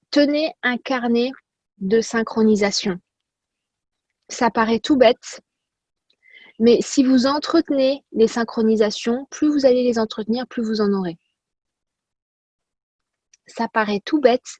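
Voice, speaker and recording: A woman personal development coach giving an energetic motivational talk, repeating key phrases and asking rhetorical questions. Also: on the high side, no room sound.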